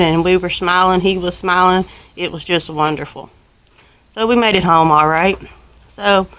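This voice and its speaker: A homestead vlogger with a Southern US accent tells viewers a personal story, rambling in a casual, folksy way full of country turns of phrase. Her voice sits on the low side and is a bit bright, captured in a low-quality recording.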